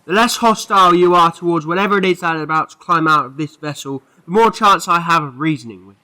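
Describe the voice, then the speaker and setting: Man playing bright, excitable eccentric time-traveller, the Doctor. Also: a little high, quick pace, poor audio. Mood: wary, commanding. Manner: theatrical, exclamatory, wordy. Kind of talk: fan audio drama acting.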